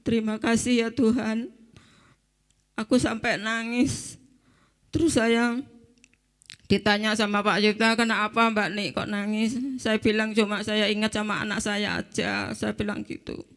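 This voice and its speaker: A woman's voice: mid-range voice, little pitch movement, a little slow, fairly bright tone. A woman giving an emotional, plain-spoken testimony at a church service.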